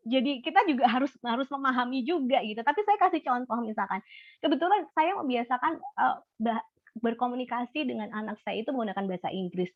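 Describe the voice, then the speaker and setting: A woman's voice: high-pitched, dry recording. A woman doctor with a Javanese accent, explaining parenting in a casual, chatty way with many fillers and restarts. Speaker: doctor and guest speaker. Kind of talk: casual webinar talk. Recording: dry, slightly muffled call audio.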